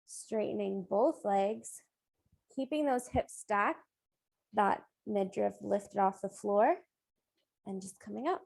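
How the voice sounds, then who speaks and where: Here a fitness instructor guides beginners through strength and flexibility work, offering brief, upbeat directions and counting reps. She speaks slowly in a medium pitch, with vocal fry and a darkish tone. The recording has no room sound.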